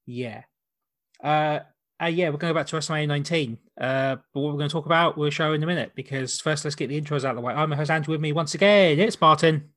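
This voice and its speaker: Higher-voiced man hosting a casual podcast. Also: fast, fairly bright tone. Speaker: podcast host. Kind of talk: casual watch-along chat.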